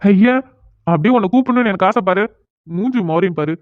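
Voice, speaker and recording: A man plays a proud, quick-tempered young character in a cartoon drama, using a high, animated voice. His arguing is fast and blunt, and the audio sounds tinny and phone-like, without echo.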